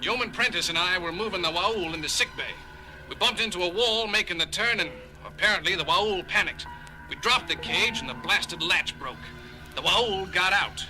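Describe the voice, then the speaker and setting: Bright, high-voiced irascible ship's doctor. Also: male voice, moderate pace, low-quality recording. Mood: agitated. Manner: grumbling, sardonic, excitable. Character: irascible, sarcastic male starship doctor. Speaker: actor in audio drama. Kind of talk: dramatic audio theater acting. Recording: music under the voice.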